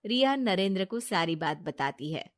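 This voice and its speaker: A woman's voice: fairly low pitch, lively intonation, normal speed. A woman narrating a moral story in a plain storytelling manner. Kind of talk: scripted narration.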